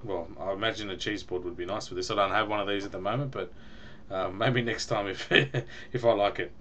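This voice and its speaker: A man's voice: on the low side, steady tone, brisk, pushed and bright, a little hiss or hum. A young man casually reviewing a beer at home on a webcam, chatty and rambling with ums and small laughs. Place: small room at home, indoors.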